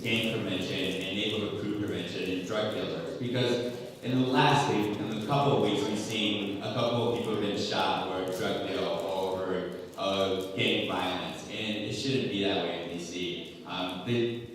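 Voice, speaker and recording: A young man from Washington DC introducing himself as a candidate at a forum, earnest and halting with fillers. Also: on the low side, steady tone, a bit bright, slight background noise. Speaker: political candidate. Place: community center hall. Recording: echoey hall, from far off.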